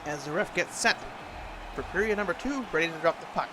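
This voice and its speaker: In a slightly high, expressive voice and at a brisk pace, a man delivers play-by-play hockey commentary for a video game, mimicking a TV sports announcer. The recording is noisy, with game sound throughout.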